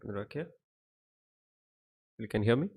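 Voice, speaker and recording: Animated and at a moderate pace, a young chess coach with an Indian English accent teaches live, breaking down positions, asking his viewers questions and calling out chat members by name. His lowish voice is husky and a little mellow.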